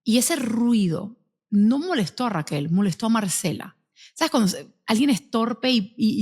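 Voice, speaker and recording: Animated woman host telling stories. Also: medium pitch, slightly rough. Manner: animated storyteller. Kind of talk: casual interview chat.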